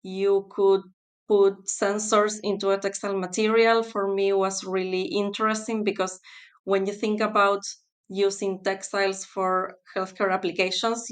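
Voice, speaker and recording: A woman from Argentina speaks English as an interview guest. Her voice is smooth and resonant. She answers thoughtfully and at a measured pace. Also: mid-range voice, little pitch movement. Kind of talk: conversational interview.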